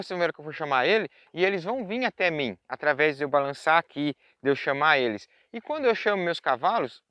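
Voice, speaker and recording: A man's voice: on the high side, pushed and bright, dry recording. A Brazilian man teaching horse handling in a pasture outdoors, chatty and talking straight to viewers with lots of tag questions. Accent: Brazilian Portuguese. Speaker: horse trainer. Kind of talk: outdoor instructional talk.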